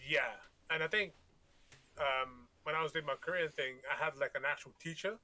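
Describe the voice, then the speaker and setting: Rambling and swearing freely, a male podcast co-host whose first language is Tagalog keeps restarting his sentences in casual conversation. His pitch is fairly high, his pace normal, and his delivery pushed and bright.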